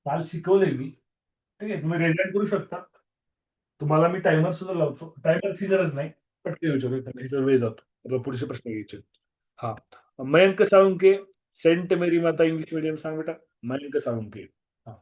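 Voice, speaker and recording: A man with a Marathi accent teaches an online maths class, and his voice sounds a little hoarse. His pitch sits fairly high for a man. He is strict and repeats key words. The video-call audio is muffled. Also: fairly quick. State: slightly hoarse.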